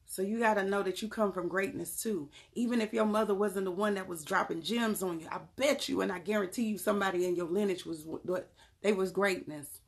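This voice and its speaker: Speaking briskly at a medium pitch, a Charlotte, North Carolina woman with a Southern accent hosts a casual livestream. This tarot reader answers chat messages and dishes out blunt, emphatic motivation.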